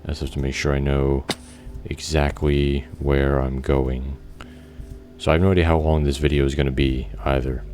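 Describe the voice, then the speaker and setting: A man's voice: extremely low pitch, flat delivery, moderate pace, darkish tone, faint music behind. A man casually talking through his gameplay, thinking aloud with lots of restarts, fillers and the odd swear word. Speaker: gameplay video creator.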